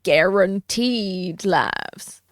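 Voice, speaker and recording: A woman's voice: medium pitch, no room sound, clean studio sound. A woman streamer chatting casually and giggling while she draws on stream. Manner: slow, musing, giggly.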